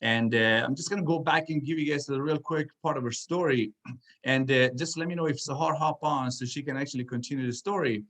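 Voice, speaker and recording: At a business event, an Iran-born man raised in Sweden gives a casual motivational talk that rambles with many fillers and restarts. His voice sits in the mid range, slightly bright, and he speaks briskly.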